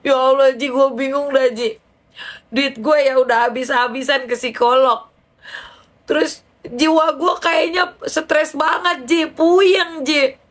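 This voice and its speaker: A woman's voice: high-pitched, steady tone, slow pace, fairly bright tone, pitched above the performer's own voice. Woman doing a frantic, pleading rich friend. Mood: distressed.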